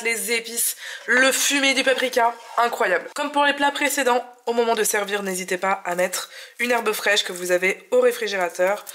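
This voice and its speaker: Chatty young woman, higher voice. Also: a bit bright. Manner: enthusiastic, chatty, explains each step. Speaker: cooking channel host. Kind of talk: casual cooking vlog narration. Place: home kitchen, indoors.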